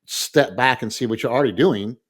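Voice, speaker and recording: Speaking a little fast in a husky, mid-range voice, a middle-aged podcast co-host spins animated stories during a casual conversation. He acts out the quoted dialogue as he goes.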